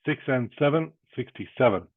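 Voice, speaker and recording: A thin, phone-like, very dry recording carries an Irish man calling bingo. He has a mid-pitched voice and announces each number in a set chant, digits first and then the full number. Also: expressive, normal speed, husky, no echo. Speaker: bingo caller and host. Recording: thin, phone-like band-limited sound.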